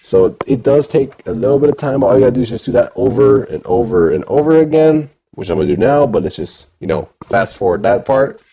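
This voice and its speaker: A man's voice: medium pitch, animated, brisk, gravelly, hardly any pauses, warm tone, a little hiss or hum. A man talking through a voice changer, giving a casual step-by-step game tutorial. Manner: plain instructing with filler "you know".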